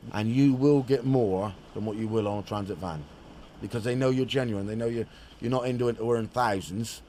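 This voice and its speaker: Chatty man in noisy open air. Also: mid-range voice. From southern England. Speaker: rag and bone man. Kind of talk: casual chat outdoors. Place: outdoors on a horse-drawn cart in the street. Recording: noisy outdoor street recording.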